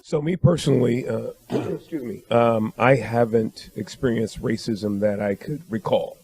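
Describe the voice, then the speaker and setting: A man answering questions as a guest on a panel discussion. He speaks in a measured, thoughtful way, with frequent ums and uhs. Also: medium pitch, creaky, a little mellow, breathy edge. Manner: measured and thoughtful, with many fillers.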